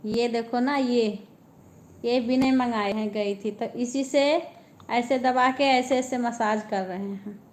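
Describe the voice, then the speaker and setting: A woman's voice: fairly high pitch, fairly even intonation, takes it slowly, a little hiss or hum. A woman, chatting casually with viewers on a live stream from home, homely and repetitive. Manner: chatty, homely, repeats herself. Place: at home, lying down.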